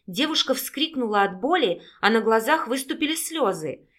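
Lively woman narrating an audiobook. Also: on the high side, moderate pace.

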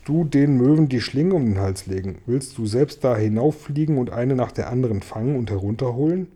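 A man's voice: medium pitch, animated, fairly quick, dark tone, breathy edge. A man doing a gloomy, grumpy earthworm. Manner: urgent, doubting, blunt.

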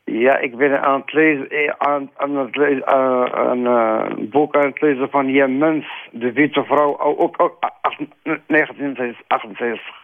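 Brief: male caller, halting speech, tinny phone-line sound. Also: mid-range voice, fairly even intonation. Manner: hesitant, halting, stumbles over words. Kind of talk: phone call to a radio show. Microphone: telephone.

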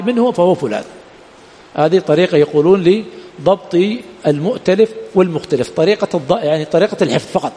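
A man's voice: high-pitched, darkish tone, in a large hall. A man teaching a lecture on hadith science, who keeps asking rhetorical questions and answering them himself, repeating the key words. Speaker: Islamic studies teacher. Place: lecture hall of an Islamic studies center.

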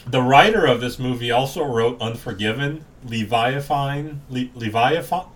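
A man's voice: medium pitch, normal speed, fairly bright tone. A young man co-hosting a casual movie podcast, loose and laughing, swearing freely. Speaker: podcast co-host.

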